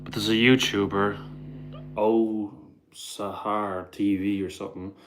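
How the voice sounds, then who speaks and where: A livestream host reads his chat aloud and rambles through his answers, addressing viewers as "bro." He speaks slowly in a fairly low, flat voice, keeping it down indoors at home to avoid disturbing his landlord.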